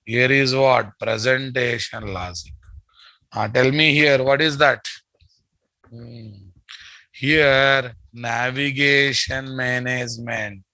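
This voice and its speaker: A man's voice: mid-range voice, steady tone, takes it slowly, sharp tone, no room sound. A man with a Telugu Indian accent teaching a live technical class, bluntly questioning his students and repeating key phrases. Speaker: programming instructor.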